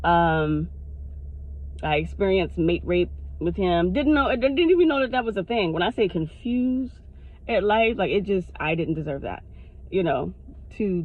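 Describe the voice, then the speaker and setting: A woman vlogger with a lowish voice tells a candid, casual storytime straight to her viewers, swearing frequently. The sound is phone-quality.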